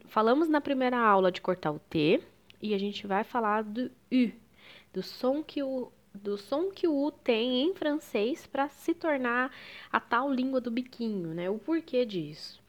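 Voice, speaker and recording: A young woman from Brazil, with a Brazilian Portuguese accent, gives a French lesson. Her voice sits a little high, and she explains patiently while mixing in French phrases. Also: expressive, unhurried. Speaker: French teacher. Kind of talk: online language lesson.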